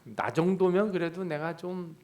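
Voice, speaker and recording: Preaching a Bible exposition at normal speed, a man with a somewhat high, slightly mellow voice keeps the sermon conversational, posing questions to the congregation. He voices people's prayers and thoughts as if quoting them.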